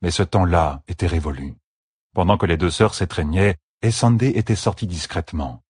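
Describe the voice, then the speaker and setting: A man narrating a fantasy novel in a measured, expressive reading. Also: sits low, slightly rough, no echo, clean studio sound. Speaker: audiobook narrator.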